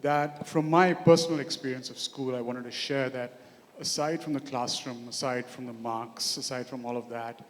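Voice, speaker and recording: A man in his forties with an Indian accent speaks from the floor at a conference. His voice is medium in pitch and earnest, moving through examples one by one. The big room gives him long reverb. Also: steady tone, normal speed, a little hiss or hum. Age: 40s. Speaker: audience member, architect. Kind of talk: impromptu comment at a conference. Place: large hotel conference hall. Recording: echoey hall with long reverb.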